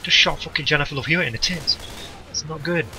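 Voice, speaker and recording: A man bantering excitedly and swearing freely while playing a co-op game. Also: fairly high pitch, fast talker. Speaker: gamer playing co-op. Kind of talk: casual let's-play chat.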